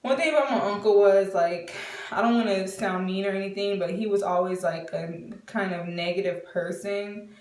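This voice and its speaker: A chatty woman in her twenties tells a casual storytime with plenty of fillers, slipping into the voices of the people in it. She sits back from the mic in a roomy, echoing space, and her pitch sits in the middle range. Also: steady tone, normal speed, darkish tone. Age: 20s. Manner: chatty, many fillers, acts out quotes. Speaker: vlogger. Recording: roomy, from a distance.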